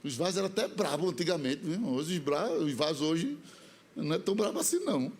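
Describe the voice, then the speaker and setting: A man with a Brazilian accent preaching a sermon as comic, lively storytelling. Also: on the high side, quick pace. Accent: Brazilian Portuguese. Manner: lively, comic storytelling that mimics the voices he describes. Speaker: pastor.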